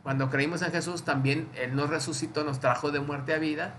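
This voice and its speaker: Mexican-accented male Bible study leader, bright and a bit high-pitched, chatty teaching with acted-out examples. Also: steady tone, a little fast, a little hiss or hum. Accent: Mexican Spanish. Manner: explains with little acted dialogues, checks understanding often.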